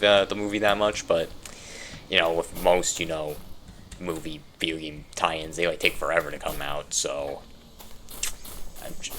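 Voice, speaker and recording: Low-voiced young man gaming. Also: slight background noise. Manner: rambling, loud frustrated outbursts. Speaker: gamer. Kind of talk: casual gameplay commentary.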